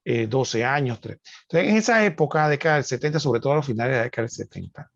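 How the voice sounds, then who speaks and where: A man, co-hosting a casual chat and pausing often with hesitant fillers. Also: medium pitch, lively intonation, gravelly, dry recording, lo-fi sound. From Panama. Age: 50s. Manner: conversational, hesitant with many "eh" fillers. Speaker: co-host.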